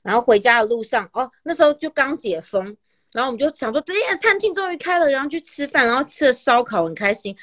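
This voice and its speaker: A Taiwanese woman hosting a podcast, telling stories in an animated, casual way and acting out the people she quotes. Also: on the high side, fast talker. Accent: Taiwanese Mandarin. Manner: animated storytelling, acts out quoted voices. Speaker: podcast host. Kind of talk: casual chat.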